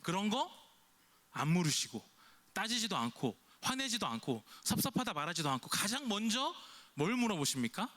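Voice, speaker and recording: High lively-voiced Korean pastor preaching. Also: male voice, moderate pace. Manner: conversational preaching, keeps asking the congregation questions; acts out imagined lines in a quoted voice. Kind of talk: youth service sermon.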